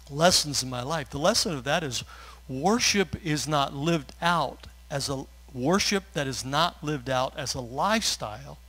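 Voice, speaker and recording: Emotional man preaching a relaxed sermon. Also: on the high side, low-quality recording. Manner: conversational preaching with fillers and asides; gets emotional, laughs through his words. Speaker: pastor.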